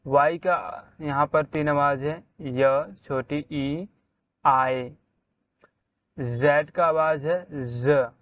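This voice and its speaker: A man teaching English pronunciation in a slow, deliberate way, saying each example word out loud with strong stress. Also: a little high, fairly even intonation, no echo, lo-fi sound. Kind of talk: slow spelled-out pronunciation lesson.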